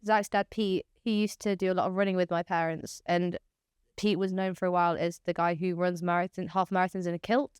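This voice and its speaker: A woman's voice: fairly low pitch, level tone, a little fast, clean tone, dry recording, studio quality. A young woman in her twenties co-hosting a podcast, chatting in a bubbly, jokey, self-deprecating way. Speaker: co-host. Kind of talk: casual podcast chat.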